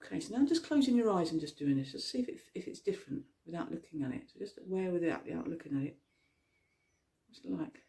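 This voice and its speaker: Gravelly, mellow-voiced mindful eating guide. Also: medium pitch, sing-song. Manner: gentle questioning, slow prompts; talks while chewing at times. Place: at home with a cat nearby.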